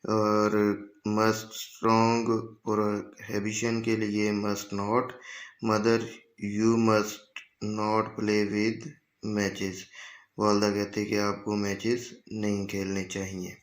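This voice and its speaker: Male teacher, lower voice, flat delivery, unhurried overall; reads example sentences then explains. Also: poor audio. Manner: reads English sentences slowly, then explains rapidly in Urdu-Hindi. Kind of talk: exam-prep grammar lecture.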